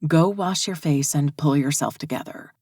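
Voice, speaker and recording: A woman reading an audiobook, voicing a composed young woman who speaks in a calm, polite but firm way. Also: low-pitched, normal speed, no echo, studio quality.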